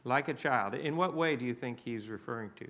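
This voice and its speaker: A man's voice: mid-range voice, fairly quick, fairly bright tone. Man teaching a church Bible class. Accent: Southern US. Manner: conversational, asks the class questions, many restarts.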